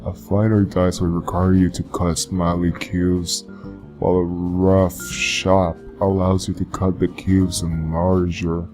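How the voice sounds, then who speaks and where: A man putting on a seductive, muffled voice to read a how-to guide, slow and low like a smooth purr. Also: level tone, a little mellow, faint music behind. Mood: sultry. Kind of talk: scripted how-to reading in a put-on voice.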